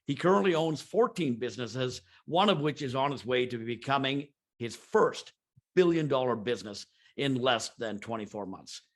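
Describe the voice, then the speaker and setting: A man in the host seat, reading a scripted introduction in a formal, announcing manner. His voice sits at an ordinary middle pitch, and he speaks over a video call. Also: animated, normal speed.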